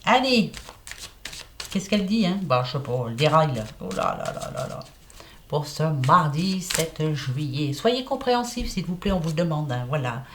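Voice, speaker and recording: A woman's voice: low voice, very animated, normal speed, fairly bright tone, a little hiss or hum. A woman giving casual card-reading guidance, chatty and repetitive, with a slight lisp. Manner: chatty, repeats herself, fillers like hein and voilà. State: lisping slightly. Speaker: oracle card reader.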